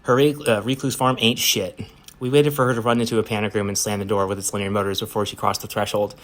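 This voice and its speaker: Man playing eccentric stoner guy, boastful, rambling, fillers, low voice, fast. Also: level tone, lightly acted.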